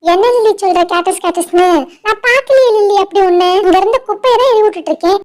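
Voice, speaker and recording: Lady doing a blunt cartoon bird dude w a twang, high voice. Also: fast talker. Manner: blunt, scolding, drawled "ele" calls. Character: blunt, simple-minded male bird helper.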